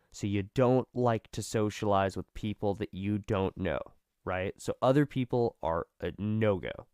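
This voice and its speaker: Man with vocal fry, low clear voice. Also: darkish tone, no echo, clean studio sound. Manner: rambling, self-correcting, self-deprecating. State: just recovered from being sick. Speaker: explainer. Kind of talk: casual, informal explanation at a drawn diagram.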